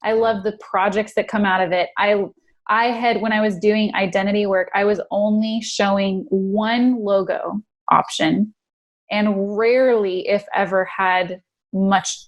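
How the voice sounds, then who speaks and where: Female interview guest, earnest and animated, laughs easily, mid-pitched voice. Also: measured pace, highs cut off. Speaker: guest brand strategist. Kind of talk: casual interview chat.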